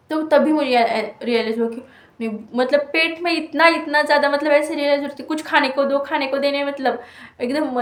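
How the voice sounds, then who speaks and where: A young woman telling a personal story in a casual, rambling vlog, with many fillers and restarts. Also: high voice. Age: young adult. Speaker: student vlogger. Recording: echoey room.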